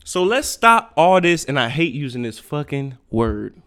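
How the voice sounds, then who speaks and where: A man rants on his own podcast, blunt and profane. His voice swoops wildly from low mutters to sharp high jabs. It sits a little higher than most men's. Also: very animated, unhurried, smooth. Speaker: podcast host. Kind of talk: unfiltered solo rant.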